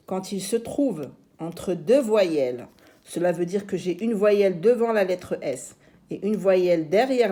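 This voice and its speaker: A woman teaching young children to read, slowly repeating each word with patient explanations. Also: on the low side, warm tone. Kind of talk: phonics lesson for young children.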